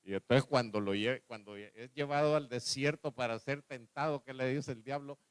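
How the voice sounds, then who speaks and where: Male pastor, sermon delivery, steady mid voice, repeats and questions the congregation, dry sound. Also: medium pitch, clean tone, no echo. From El Salvador. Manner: asks the congregation questions, repeats key phrases; slows down and drops his voice on key words.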